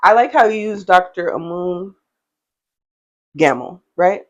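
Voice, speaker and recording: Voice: mid-range voice, animated, a little slow, highs cut off. A podcast co-host asking short prompting questions in a casual chat.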